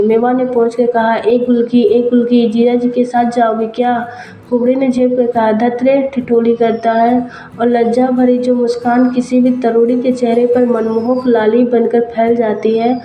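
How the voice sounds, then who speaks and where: A woman narrating an audio story in a steady, even reading style. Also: on the high side, muffled recording. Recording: roomy with faint music.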